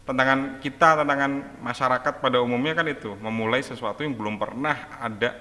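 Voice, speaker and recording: A middle-aged man talking casually about a book, reflective and hesitant, often pausing with fillers. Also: medium pitch, fairly even intonation, sharp tone, in a large hall.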